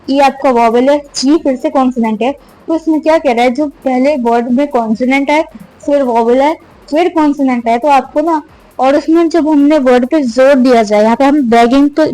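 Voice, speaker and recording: A woman teaches English grammar in a loose, chatty way, catching and fixing her own slips as she goes. Her voice sits high, and she slows right down to spell out example words. Soft music plays faintly underneath. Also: rough recording. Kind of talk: casual classroom explanation.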